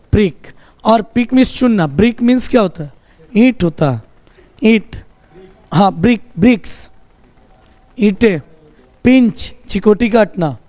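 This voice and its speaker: A man's voice: high voice, darkish tone. A man teaching a class, drilling vocabulary and quizzing students, saying each word again and again. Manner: repeats words slowly, quizzes the students. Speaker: English teacher.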